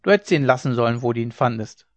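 Stubborn storybook councillor, dry and scornful, a man voicing him. Slightly high, on a dry recording. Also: expressive, moderate pace, no echo.

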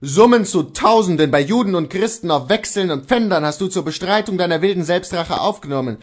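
A man's voice: sits high, lively intonation, a little fast, voice pushed up. A man reading the part of a stern, indignant male church reformer, scolding in thundering rebukes. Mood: indignant wrath.

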